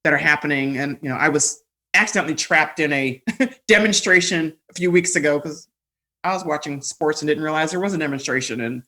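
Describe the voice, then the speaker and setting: A woman guest on a podcast, telling stories in a rambling, animated way and laughing often. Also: deep voice, brisk. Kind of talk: casual storytelling conversation.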